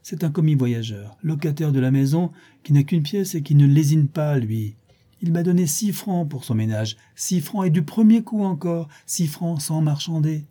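A man's voice: mid-range voice, normal speed, dark tone, breathy edge, natural voice. A man voicing a gossipy, scheming old female concierge in a raised, chattering voice.

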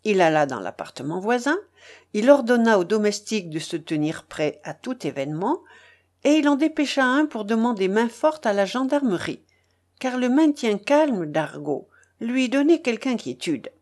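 A woman narrating a novel as an audiobook, in an expressive, theatrical reading. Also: fairly high pitch, moderate pace.

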